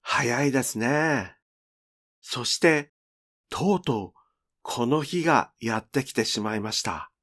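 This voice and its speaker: Slow, clear, and teacherly, a man reads scripted narration teaching Japanese pronunciation, his intonation moving in a lively way.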